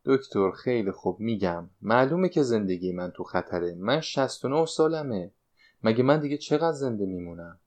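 A retired stage dancer in her late sixties confides her fears and longings in a fretful, wistful way, voiced by a man reading an audiobook. The voice stays fairly low. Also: expressive, darkish tone, lightly acted. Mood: confiding. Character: anxious 69-year-old woman, former stage dancer.

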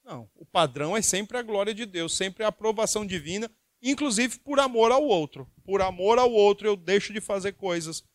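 A man's voice: sits high, lively intonation, normal speed, few pauses, dry recording. A man preaching a sermon, reading Bible verses and asking the listeners rhetorical questions.

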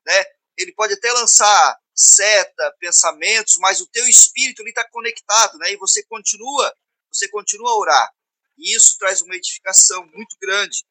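Man co-host, high and bright, dry close sound; earnest and instructive. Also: dry recording, rough recording. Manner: earnest, instructive, tags phrases with "né". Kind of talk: casual teaching talk on prayer.

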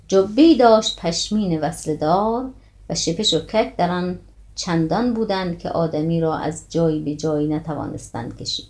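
A woman reading a classical tale aloud in a steady, old-fashioned literary manner. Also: fairly low pitch. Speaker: storyteller.

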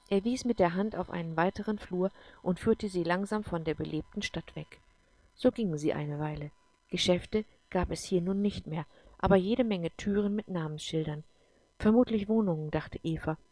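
Gravelly low-voiced woman narrating. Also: dry recording. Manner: even, storytelling delivery. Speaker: audiobook narrator. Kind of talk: scripted narration.

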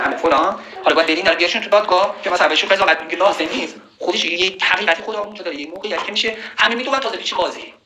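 A man giving a sermon on Quranic verses, slowly reciting Arabic verses and then explaining them in a conversational way. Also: sits high, pushed and bright, echoey room, poor audio. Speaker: preacher.

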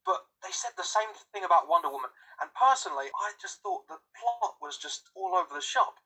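Bright-voiced young British man. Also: high-pitched, sing-song, breathy edge, poor audio. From United Kingdom. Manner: chatty, enthusiastic, quick to agree. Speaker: podcast guest. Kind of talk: casual chat.

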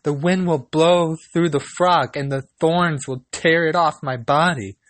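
A man reading aloud and voicing a gentle, obedient young stepdaughter in a higher, pleading voice. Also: a little slow, no echo. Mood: distressed.

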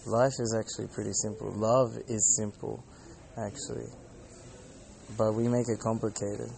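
A man's voice: fairly low pitch, level tone, normal speed, gravelly, a little mellow. A man talking casually and earnestly in a rambling, informal podcast style, telling stories and reflecting. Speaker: podcast host and Hare Krishna devotee. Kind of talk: casual spoken storytelling and reflection. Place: airport departure gate area. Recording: faint airport background noise.

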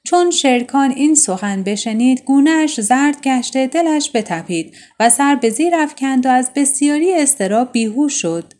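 A woman storyteller reading an old classical tale aloud in a measured, formal way. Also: high-pitched, animated, a little mellow.

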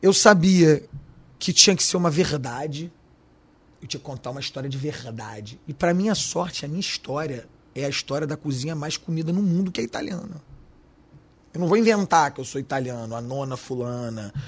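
A man's voice: on the high side, expressive, fairly quick, breathy edge. A man with a Carioca accent, a restaurant owner talking in an interview, slangy and emphatic. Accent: Carioca Portuguese. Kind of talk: podcast interview.

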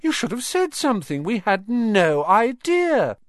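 A man's voice: unhurried, no room sound. A man reading a storybook, alternating between the voices of two teasing red-haired twin boys. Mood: mock-surprised teasing. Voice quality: high, lively, mischievous. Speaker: audiobook narrator.

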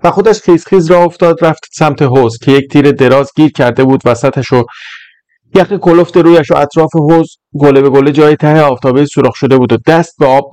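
A man narrating a short story in an even, measured reading voice. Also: medium pitch, no echo. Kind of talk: scripted narration.

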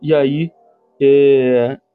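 Faint music sits behind tinny audio as a man with a Brazilian Portuguese accent speaks extremely slowly in a narrow, mid-range voice. Hosting a livestream, he gives a comic, rambling recap of a movie, full of slang and sarcastic mockery of the characters.

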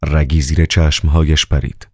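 A man narrating a novel as an audiobook in a calm, even storytelling way. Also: extremely low pitch, dry recording, clean studio sound.

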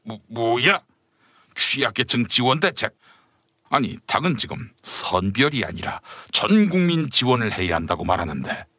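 A gruff, vain old chief minister grumbles in a very deep, dragging voice, as a man puts him on for a satirical period-drama parody. His delivery is slow and weighty, every phrase sinking lower as he complains. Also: sing-song, bright, forceful tone, dry recording. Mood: grumbling. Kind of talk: satirical Joseon-era costume parody.

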